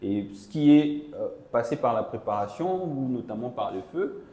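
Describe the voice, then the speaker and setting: Homme interprète, salle très réverbérante. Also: male voice, medium pitch, expressive, moderate pace, warm tone. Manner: explanatory, checks understanding with "non?" and "voilà". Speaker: classroom interpreter. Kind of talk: interpreting a Chinese lesson into French. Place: classroom. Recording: echoey classroom with long reverb.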